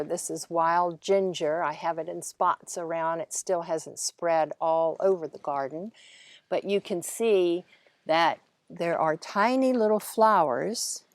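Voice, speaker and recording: Outdoors in her home garden, a Kentucky gardener leads a casual, instructive tour, pointing out plants in plain terms. Her voice is on the low side, with no room sound. Faint outdoor ambience is audible behind her.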